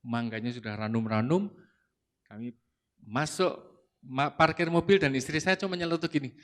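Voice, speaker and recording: A man preaching at a church service about marriage, telling a personal story in a lively, anecdotal way. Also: mid-range voice, normal speed. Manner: lively anecdotal preaching, rising to loud retorts when quoting himself. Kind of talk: sermon with storytelling.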